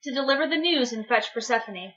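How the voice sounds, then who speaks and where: A woman narrates a dramatic story reading with expressive, measured delivery. Her voice sits a little high and sounds bright. The recording is dull and lo-fi.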